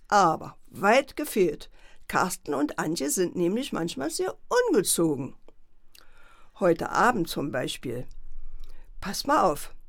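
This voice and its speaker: Woman reading a children's story, slow, very lively expressive pitch, dry close sound. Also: no room sound.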